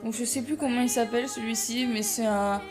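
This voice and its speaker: A young woman narrates her makeup tutorial in a casual, rambling way, laughing at herself and stumbling over her words. Her voice sits a little high. Soft music runs quietly underneath. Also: fairly even intonation, brisk. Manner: chatty, self-deprecating, many fillers and restarts. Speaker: makeup vlogger.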